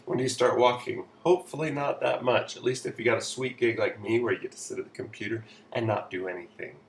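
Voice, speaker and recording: A man's voice: mid-range voice, fast talker, vocal fry, recorded from a distance. A man giving sarcastic, mock-authoritative parenting advice in a comedy vlog. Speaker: comedy vlogger. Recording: roomy echo, off-mic, faint noise.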